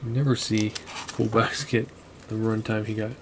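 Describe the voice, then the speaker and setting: A man sitting at a home desk, chatting to himself and his viewers as he flips through a box of cards. His voice stays flat and level, and noise hums clearly underneath the recording. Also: on the low side, moderate pace. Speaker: card collector vlogger. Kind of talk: casual narration while sorting cards.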